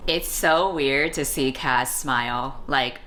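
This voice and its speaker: A woman's voice: rumbling low, slow, pushed and bright, faint music behind, rough recording. A woman hosting a reaction video with slangy, exaggerated, sarcastic commentary and free swearing. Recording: faint background noise.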